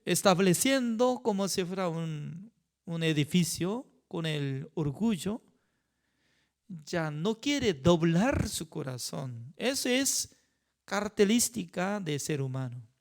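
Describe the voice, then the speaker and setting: A male pastor teaches a Bible study at an unhurried, deliberate pace. He speaks in halting, simple sentences, often pausing to check in with his listeners. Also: sits high, expressive, vocal fry. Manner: halting, with frequent rhetorical "¿no?" asides; non-native phrasing with simple grammar.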